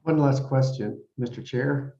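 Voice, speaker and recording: A man's voice: mid-range voice, steady tone, dark tone. Man, zoning board member, hesitant, on a video call, echoey, dull audio. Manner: hesitant, halting with many uhs. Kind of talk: public meeting question.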